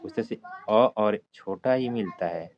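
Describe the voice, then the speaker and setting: A man's voice: lowish voice, measured pace, a little mellow. A male teacher giving a step-by-step grammar lesson for exam students, often checking in with "okay?" as he goes. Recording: dull lo-fi sound with clear background noise.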